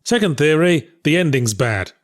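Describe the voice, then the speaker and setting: Sardonic man, scripted game critique. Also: on the high side. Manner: sardonic, rapid deadpan delivery.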